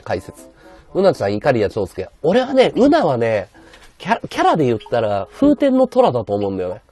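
Guy streaming w a sore throat, high husky voice, jumps all over the place, faint music behind. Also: darkish tone. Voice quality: high-pitched voice. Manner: rough, blunt casual speech. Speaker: livestreamer. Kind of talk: casual livestream chat reading viewer comments.

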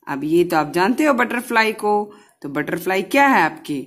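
A woman's voice: mid-range voice, very animated, normal speed. A woman teaching a Hindi lesson to young children, patiently sounding out words syllable by syllable and often checking whether they follow.

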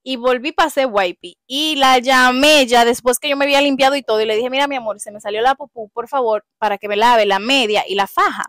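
A woman's voice: sits high, no echo, clean studio sound. A young woman with a Dominican accent telling a casual storytime vlog, retelling events dramatically and acting out what people said. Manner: animated, dramatic retelling with acted quotes, many restarts. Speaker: vlogger.

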